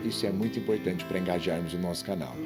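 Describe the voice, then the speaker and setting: A man's voice: sits low, racing, over loud music. A man with a Brazilian accent giving a grammar lesson, quizzing the viewer and explaining each answer. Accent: Brazilian Portuguese. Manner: questions and quizzes the viewer, rising and falling emphatically. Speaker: Portuguese grammar teacher.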